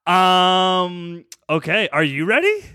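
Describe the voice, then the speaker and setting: A young man co-hosting a casual podcast, talking in quick animated bursts and laughing often. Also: sits high, clear, resonant tone, dry recording, studio quality. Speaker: podcast co-host. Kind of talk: casual chat.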